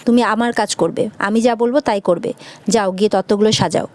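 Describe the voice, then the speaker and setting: A woman's voice: medium pitch, fast, a little mellow, no room sound, close to an everyday voice. Woman voicing a bossy middle-aged mother-in-law, cutting tone, dry sound.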